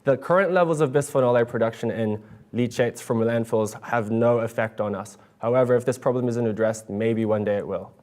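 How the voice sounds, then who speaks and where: Earnest young New man pitching. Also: brisk, darkish tone. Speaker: student competitor pitching a project. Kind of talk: competition pitch and Q&A. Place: stage at an awards event.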